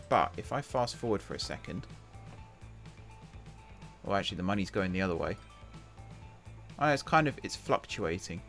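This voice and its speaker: Over background music, a man who runs a gaming channel talks casually through his gameplay with a lowish voice. He thinks out loud and pokes fun at himself, his voice croaky after a long day of talking.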